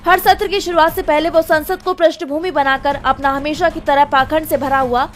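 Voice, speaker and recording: A woman's voice: high voice, fairly even intonation, moderate pace. A woman narrating a scripted news report in voice-over style. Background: music bed.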